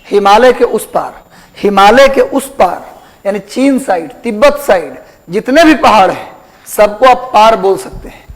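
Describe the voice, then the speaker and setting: A man's voice: high voice, animated, unhurried, rough recording. A man teaching a geography class, repeating terms and quizzing his students. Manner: repetitive, asks students questions. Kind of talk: classroom lecture.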